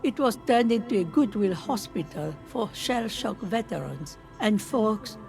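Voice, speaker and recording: A woman's voice: medium pitch, expressive, unhurried, gravelly, music in the background. An actress playing a very old washerwoman in a video game, weary, plainspoken and folksy in a resigned way. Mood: somber, matter-of-fact. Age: older. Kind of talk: video game dialogue acting.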